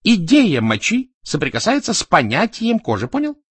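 A scheming, fast-talking tycoon from a storybook, as a male reader puts him on, pitched high and pressed loud. The voice swoops widely and keeps a husky grain. It is recorded close and dry. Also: wildly swooping pitch, no echo, exaggerated voice. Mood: persuasive.

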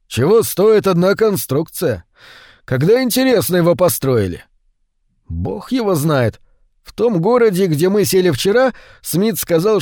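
A man reading a short story aloud, slow and brooding, raising his voice for the quoted lines. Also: high-pitched, dry recording, studio quality. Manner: slow, hushed and brooding, with louder acted quotes. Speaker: audiobook narrator. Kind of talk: scripted narration of a short story.

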